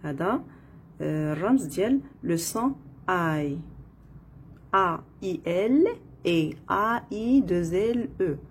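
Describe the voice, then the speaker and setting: Slow, careful Arabic-accented woman teaching French. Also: lowish voice, lively intonation. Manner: repeats each word slowly, syllable by syllable. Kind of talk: slow, deliberate phonics lesson. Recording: faint background noise.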